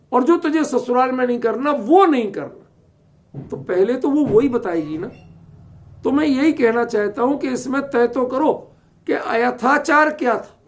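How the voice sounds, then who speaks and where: A man teaching a scripture lesson, often asking his listeners whether they follow the point. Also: extremely high pitch. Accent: Delhi Hindi. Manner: questioning, keeps checking understanding.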